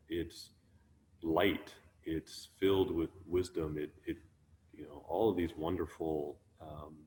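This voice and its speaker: Deep low guy doing a chill online dharma talk, lots of ums, kinda echoey w/ faint hiss. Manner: relaxed, musing, with many ums and restarts. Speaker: Buddhist teacher. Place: online talk, sharing his screen.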